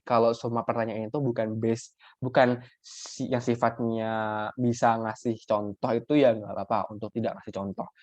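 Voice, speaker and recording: A man's voice: mid-range voice, a little mellow, no room sound. Man tutoring in dull lo-fi audio. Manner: chatty, many fillers and restarts, addresses listeners as friends. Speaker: workshop tutor. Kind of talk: casual teaching talk.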